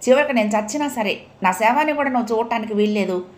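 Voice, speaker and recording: A woman's voice: on the high side, fast, darkish tone, close to an everyday voice. A woman reading as a grieving, furious village mother. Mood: bitter. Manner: scolding, tearful outbursts.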